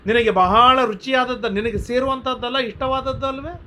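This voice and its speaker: A man's voice: very high-pitched, fairly even intonation, moderate pace, bright, forceful tone, slight background noise, pitched above the performer's own voice. A man voicing an elderly foster mother who coaxes and pleads with her son in a storytelling sermon. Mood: coaxing. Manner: coaxing, questions tumbling out.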